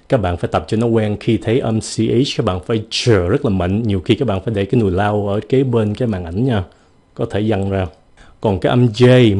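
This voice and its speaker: A man giving a casual video lesson on pronunciation, repeating example words slowly and exaggerating the sounds. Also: on the low side, mellow. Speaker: English pronunciation teacher.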